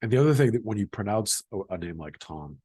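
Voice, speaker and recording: American man, casual vlog talk, halting delivery, heavily husky voice, dry close sound. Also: on the low side, lively intonation, warm tone, no room sound. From Boston area, United States. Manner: halting, repeats words, chuckling. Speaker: vlogger explaining regional accent. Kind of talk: casual explanatory talk to camera.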